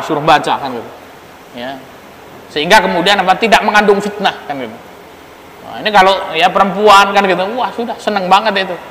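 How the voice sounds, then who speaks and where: Bright-voiced man preaching in an echoey hall. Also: high voice, slight background noise. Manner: joking, asks the audience questions. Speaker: ustadz teaching a study circle. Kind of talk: casual religious lecture. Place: prayer room. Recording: echoey prayer room with long reverb.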